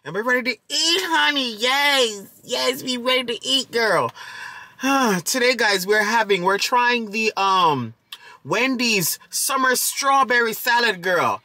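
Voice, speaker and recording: A young man hosting a casual mukbang eating chat, sassy and expressive, full of slang. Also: very high voice, slow pace, dry recording. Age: young adult. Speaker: mukbang vlog host. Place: inside a parked car.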